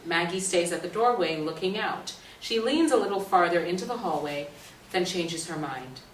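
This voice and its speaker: A woman speaks as narrator of a staged play reading, giving the stage directions in a fairly low, animated voice at normal speed. The indoor stage recording is roomy and distant, with faint noise from the far-off mic.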